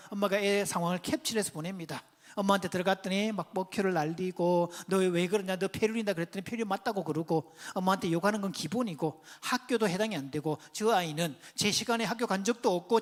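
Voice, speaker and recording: A man's voice: sits high, fast. A man giving a church seminar lecture on parenting, telling counseling stories and asking the audience questions. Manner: conversational, asks the audience questions; tells counseling stories and points at slides. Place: church hall before an audience.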